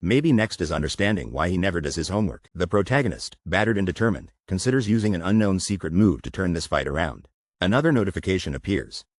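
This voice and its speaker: A man's voice: low voice, animated, fast talker, dry recording, studio quality. A man narrating a comic recap as scripted voice-over, wisecracking with playful asides.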